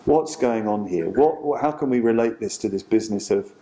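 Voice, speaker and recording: Male dharma teacher, lively storyteller who keeps using fillers. Lowish, warm tone. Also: a little fast. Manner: animated storytelling with many "you know" fillers. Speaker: Buddhist teacher. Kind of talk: retreat dharma talk, storytelling.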